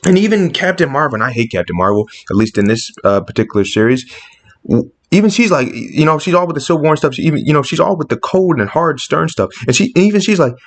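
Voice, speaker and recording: A man's voice: on the high side, expressive, fast talker. Male commentator, casual monologue, passionate and indignant in tone. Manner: impassioned, rising sharply when indignant. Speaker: comics commentator.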